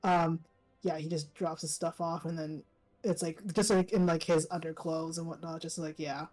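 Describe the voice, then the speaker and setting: Hesitant woman with a lowish voice, playing a tabletop game. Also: flat delivery, moderate pace, a little mellow, soft background music. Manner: hesitant, filler-heavy. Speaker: player. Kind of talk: casual tabletop play.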